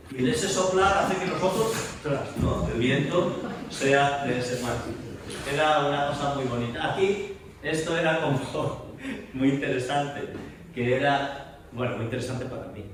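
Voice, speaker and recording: A man's voice: fairly high pitch, unhurried, far from the mic, a little hiss or hum. Man lecturing in an echoey room. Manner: animated, reciting verse with emphatic shifts. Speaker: theater director and voice teacher. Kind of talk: lecture in a masterclass. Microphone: distant room mic.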